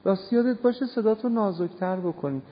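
A man preaching a sermon in an impassioned way, moving between soft passages and loud, emphatic bursts. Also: high-pitched, slight background noise. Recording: long hall reverb, dull lo-fi sound.

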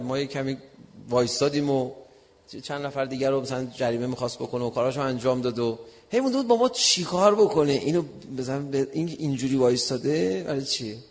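A man preaching a sermon, telling a personal story in a lively way and acting out heated arguments. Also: mid-range voice. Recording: long hall reverb.

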